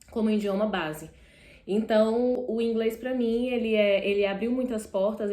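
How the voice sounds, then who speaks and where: A young Brazilian vlogger with a Brazilian Portuguese accent sits indoors chatting casually to the camera, frequently correcting herself mid-sentence and tossing in animated asides. Her medium-pitched voice sounds reverberant.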